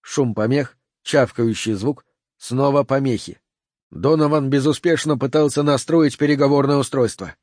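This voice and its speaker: A man narrating an audiobook with measured, tense storytelling. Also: medium pitch, darkish tone, no echo, clean studio sound. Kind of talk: scripted narration.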